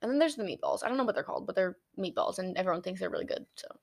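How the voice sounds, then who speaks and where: A woman's voice: on the low side, gravelly. Giggly young woman co-hosting a podcast. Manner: giggly, animated, quick to correct. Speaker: podcast co-host. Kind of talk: casual chat.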